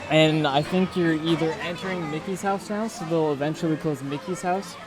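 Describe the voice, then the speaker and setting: Guy vlogging outside at a packed theme park, chill tour-guide explaining, kinda high voice, lots of crowd noise. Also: fairly even intonation, moderate pace. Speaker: vlog host. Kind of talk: casual vlog chat. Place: outdoors at a busy theme park. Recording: loud crowd noise outdoors.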